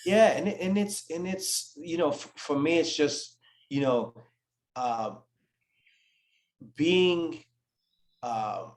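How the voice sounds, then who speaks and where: A man's voice: a little high, takes it slowly, pauses often, echoey room. Earnest man with a strong Massachusetts accent. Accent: New Bedford Massachusetts. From born in West Africa, raised in Massachusetts. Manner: reflective, earnest, many fillers and restarts. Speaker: guest author. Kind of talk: casual interview conversation.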